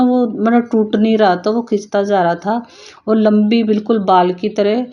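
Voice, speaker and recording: A woman giving an earnest personal devotional testimony, talking in a halting way with frequent restarts. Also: medium pitch, dark tone. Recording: dull lo-fi voice note.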